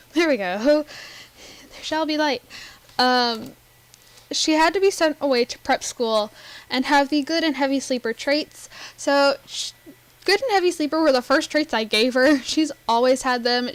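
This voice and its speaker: Chatty, giggly woman with a high voice. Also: no echo, low-quality recording. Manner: chatty, giggly, rambling with frequent ums. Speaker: Sims gameplay narrator. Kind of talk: casual gameplay commentary.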